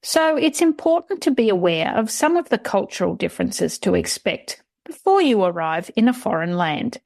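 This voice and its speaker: A woman's voice: mid-range voice, sing-song, vocal fry, a little mellow, no echo. Polite woman podcast host, dry sound. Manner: polite, encouraging, measured. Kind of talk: scripted intro then interview chat.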